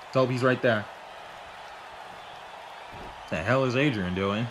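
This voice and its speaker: A man doing excitable solo play-by-play of a wrestling match, swearing and breaking into shouts. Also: mid-range voice, slow pace, noisy background. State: out of breath. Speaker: wrestling commentator.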